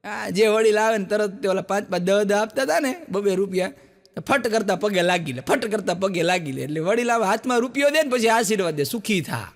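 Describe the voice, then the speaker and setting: A man doing live stand-up, telling folksy village jokes and acting out characters' lines in quick back-and-forth quotes. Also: sits high, expressive, in a large hall. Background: audience laughter.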